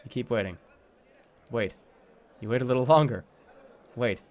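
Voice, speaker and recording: A man streams a game at a moderate pace in a medium-pitched voice, reading the story aloud as narration. He's informal, shifting between dramatic reading and offhand asides.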